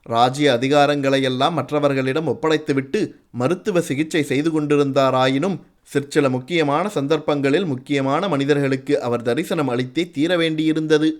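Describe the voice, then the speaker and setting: Male narrator reading a literary story. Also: fairly high pitch. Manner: measured, formal storytelling. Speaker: audiobook narrator.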